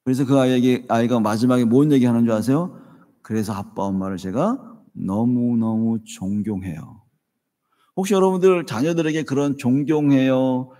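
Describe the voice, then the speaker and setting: A man in his fifties preaching a sermon, telling a family story in a lively way and acting out the voices in it. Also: mid-range voice. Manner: storytelling, animated, acts out dialogue. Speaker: pastor. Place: church sanctuary. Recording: reverberant church hall.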